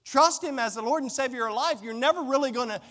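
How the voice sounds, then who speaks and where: An extremely high, sharp-toned male voice preaches fast from the pulpit. Speaking to his congregation in a big indoor space, the pastor is emphatic and folksy, addressing listeners directly and repeating himself. Long echo fills the reverberant hall.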